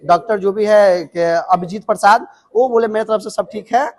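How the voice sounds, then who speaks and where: A man from Chhattisgarh, India, earnestly recounting a complaint in halting speech to a reporter. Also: high voice, steady tone. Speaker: patient's son. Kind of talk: interview testimony.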